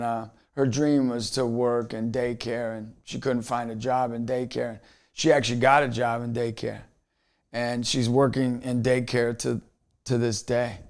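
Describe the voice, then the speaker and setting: A man speaks as a motivational speaker, telling a personal story. His voice is gravelly and sits at a middling pitch. He talks earnestly and often repeats a word as he restarts a thought.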